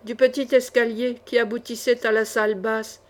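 A woman reading a swashbuckling adventure novel aloud as an audiobook narrator, in a measured, expressive way. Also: on the high side. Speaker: audiobook reader.

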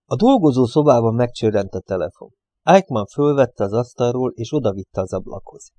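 A man reading a novel aloud as an audiobook narrator, in a steady, plain way. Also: medium pitch, dry recording.

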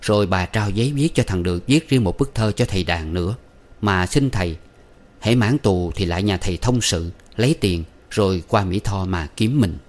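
A man narrates an audiobook. His voice sits fairly low, and he reads in a steady, even storytelling manner.

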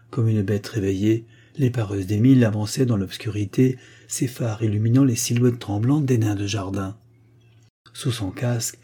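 A male audiobook narrator reading in a measured, expressive way. His voice is low and slightly husky, with a dark, mellow color. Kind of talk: scripted narration.

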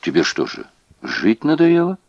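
A man's voice: on the low side, wildly swooping pitch, a little slow, creaky, darkish tone, no echo, lo-fi sound, heavily acted. A man playing a drunk, sneering camp guard. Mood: mocking. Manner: taunting, mock-friendly. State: tipsy.

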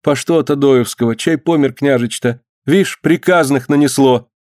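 A man voicing a frightened but defiant peasant wife who protests loudly. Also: moderate pace, no room sound, clean studio sound, close to an everyday voice. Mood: alarmed, defiant. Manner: shrill, protesting.

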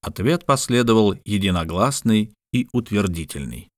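Male audiobook narrator, steady descriptive reading, dry close voice. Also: lowish voice, normal speed, no room sound. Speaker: audiobook reader. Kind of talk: scripted narration.

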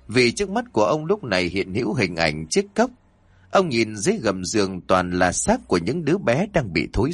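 A male storyteller narrating a horror tale with suspense. His voice sits low but moves a lot in pitch, and the sound is dry and close with no room echo. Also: husky.

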